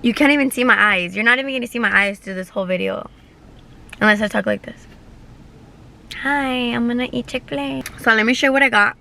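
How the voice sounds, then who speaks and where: A young woman in her twenties with a bright, slightly high voice chats over a meal in her parked car. She rambles loosely, full of fillers and casual swearing, as if talking to a friend into her phone. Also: slight background noise. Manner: rambling, filler-heavy, swears freely, eats while talking. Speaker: vlogger. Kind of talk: casual mukbang storytime chat.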